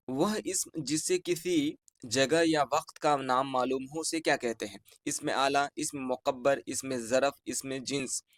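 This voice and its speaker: A man with an Urdu-inflected Hindustani accent from Bihar, teaching online as he goes through an exam answer key, reading each question and its options slowly and then repeating the correct answer. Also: mid-range voice, no room sound, clean studio sound.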